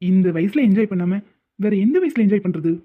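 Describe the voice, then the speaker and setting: A woman's voice: mid-range voice, animated, brisk, lightly acted. A woman voicing a boastful young male college student who brags about his charm in a cartoon. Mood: cocky. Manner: cocky, boastful, teasing. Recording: tinny phone-like lo-fi sound.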